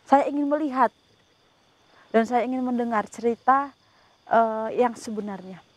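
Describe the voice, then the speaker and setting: Woman ghost hunter, fairly high voice, coaxes and pleads with a spirit, murmured prayers, recorded outdoors. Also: measured pace, dry recording. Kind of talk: paranormal investigation commentary. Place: outdoors at night before rain.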